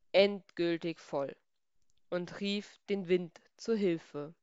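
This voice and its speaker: Slow, clear woman reading a story. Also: on the low side, dry recording. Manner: slow, expressive, emphatic. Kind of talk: reading a children's story aloud. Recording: slightly dull, dry recording.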